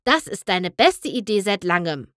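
A woman's voice: mid-range voice, very animated, normal speed, fairly bright tone, dry recording, studio quality. Woman doing Twilight Sparkle, curt busy pony. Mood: snappish. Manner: curt, snappish, slightly raised voice. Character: busy, irritable young female pony. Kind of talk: storybook reading.

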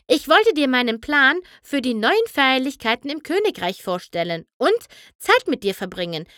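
A woman voicing a bubbly, excitable young female pink pony in a storybook reading, raising her voice higher and louder. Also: normal speed, no room sound, studio quality, heavily acted. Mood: eager. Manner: eager, chirpy, higher and louder than her narration.

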